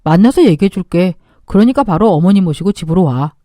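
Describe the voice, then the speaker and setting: A woman's voice: on the low side, lively intonation, a little fast, mellow, no echo, clean studio sound, voice pushed down. A woman voicing a worried young husband on a call in a spoken radio story, talking in clipped, urgent lines.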